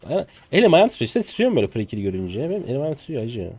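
A Turkish streamer in his twenties gives rapid-fire live commentary on his own match for viewers, his pitch swinging widely from low mutters to sudden squeaky yelps. His delivery is loose, excitable and jokey, with casual swearing.

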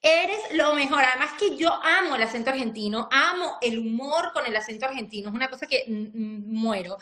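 A woman's voice: high voice, animated, a little fast, pushed and bright. A woman chatting casually on a live stream over a video call, effusive and gushing.

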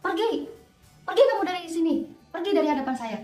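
A woman's voice: extremely high pitch, lively intonation, quick pace, pitched above the performer's own voice. A woman putting on the voice of an angry, scolding female head nurse who barks harsh orders, recorded in a roomy space from a distance with faint music. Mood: furious. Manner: harsh, shouting commands.

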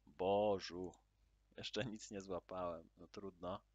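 A man with a lowish voice gives unhurried, casual gameplay commentary. He booms his greetings, drops to quiet muttering while he plays, and bursts into excited cries. The recording is dull, lo-fi and dry. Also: dry recording. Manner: loud upbeat greetings, then mutters quietly while playing; excited exclamations at in-game drops. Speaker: gaming channel host.

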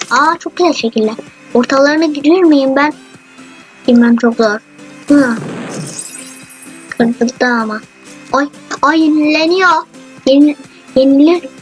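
A woman giving chatty, excitable commentary while playing a video game. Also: high voice, poor audio. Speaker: gamer. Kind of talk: gameplay commentary. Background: faint game music.

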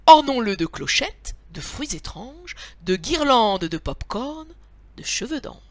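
A woman's voice: a little high, sing-song, takes it slowly, no echo. Good-natured father bear, drowsy but jolly, played by a woman reader. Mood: cheerful. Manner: drowsy yet cheerful.

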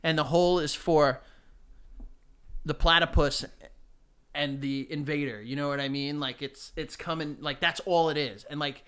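A man's voice: a little high, fairly even intonation, normal speed, fairly bright tone, smooth. A young man co-hosting a podcast in casual, crude banter, rambling with laughing asides, recorded on a desk mic in a small studio. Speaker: podcast co-host. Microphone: desk-mounted podcast mic, headphones.

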